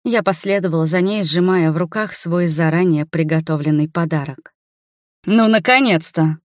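A woman with a fairly low voice reads an audiobook in a measured, expressive first-person narration. The recording is close and dry, with no room sound. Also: no echo.

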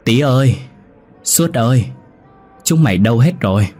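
A man's voice: lowish voice, normal speed, slightly rough, soft background music. A man voicing a stern, irritable older woman who runs a household and scolds her servants, in a ghost story. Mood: frightened. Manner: sharp, scolding, orders servants.

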